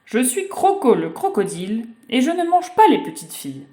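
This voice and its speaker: A woman voicing a gentle, kindly male crocodile in a storybook reading, speaking in a soothing, reassuring way. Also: a little high, very animated, moderate pace, pitched above the performer's own voice.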